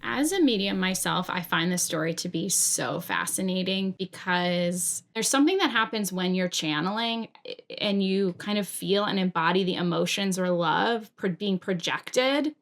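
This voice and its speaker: A woman's voice: on the low side, normal speed, fairly bright tone. A woman guest on a podcast, a medium, talking reflectively with many casual fillers.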